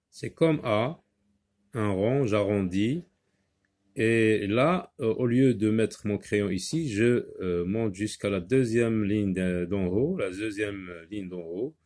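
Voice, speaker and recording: A man's voice: lowish voice, darkish tone. A man teaching a reading and handwriting lesson, patiently talking the class through each step.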